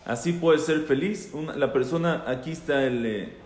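A man with a higher-leaning voice and moderate pace teaches a group an informal Torah class, his words ringing with the hall's long reverb. His style is conversational, with repeated phrases for emphasis and questions aimed at the audience.

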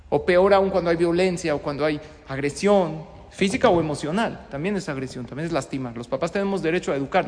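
Middle-aged man, rabbi's sermon, fairly high voice, rhetorical questions, long reverb. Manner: animated storytelling with rhetorical questions. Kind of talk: sermon with a story. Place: synagogue study hall.

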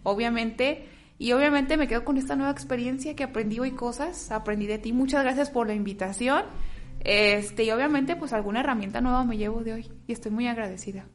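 A woman's voice: a little high, a little fast. A woman guest on a talk show, reflective and thinking aloud with many fillers. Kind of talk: casual chat.

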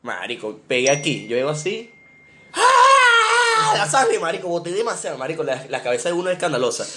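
A man's voice: fairly high pitch, fast talker, heavy background noise. A young man with a Venezuelan accent, co-hosting a podcast and telling childhood stories in casual chat, acting out sounds and cries as he goes. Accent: Venezuelan Spanish. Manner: animated storyteller, acts out sounds and cries. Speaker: podcast co-host.

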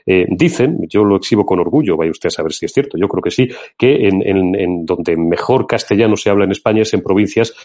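A man's voice: deep voice, brisk, hardly any pauses, darkish tone. A middle-aged man from Spain with a Castilian accent, talking politics on an opinion show in an emphatic, indignant, rhetorical way. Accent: Castilian Spanish. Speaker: political commentator.

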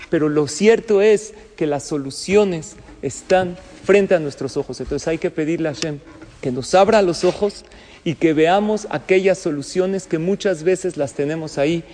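A man's voice: sits high, moderate pace, a little mellow, big-room sound, a little hiss or hum. A man giving a sermon as a rabbi, telling stories and asking the listeners questions. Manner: storytelling with jokes and questions to the listeners. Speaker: rabbi and lecturer.

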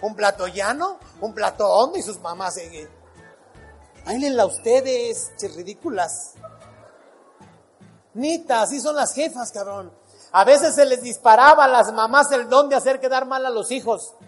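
Husky Mexican stand-up comedian, swearing. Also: male voice, extremely high pitch, animated, faint music behind. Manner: crude, swearing, rapid storytelling.

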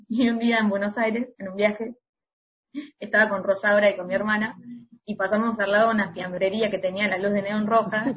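A woman's voice: medium pitch, fairly bright tone, dull audio. A woman singer with an Argentine Spanish accent, chatting casually as an interview guest, laughing often and using many fillers.

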